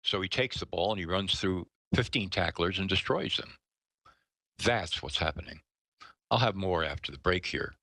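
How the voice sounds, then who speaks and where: A man in his fifties hosting a talk radio show, delivering opinionated commentary with emphasis and acting out quotes in animated bursts. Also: low voice, moderate pace, no room sound, low-quality recording.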